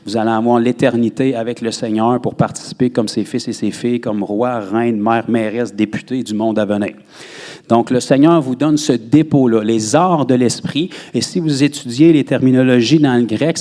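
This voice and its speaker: A man with a Québécois French accent delivers a sermon from a church pulpit. His voice sits at a middle pitch and springs up sharply whenever he hits a word he wants to stress. He preaches in an animated way. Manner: animated preaching, rises sharply on emphasized words. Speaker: pastor.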